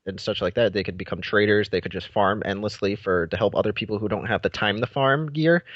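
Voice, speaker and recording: A young man with a lowish voice giving firm opinions on a gaming podcast, stopping and restarting often. The mic sounds dull and dry, lo-fi with no room around it. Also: brisk, no echo. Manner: opinionated, many fillers and restarts. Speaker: podcast co-host. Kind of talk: casual gaming chat.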